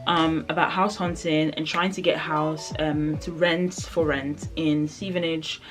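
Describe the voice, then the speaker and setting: A woman's voice: sits low, flat delivery, unhurried, over music. A young woman vlogger chatting casually, rambling through a story with lots of fillers. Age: young adult. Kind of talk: casual chat.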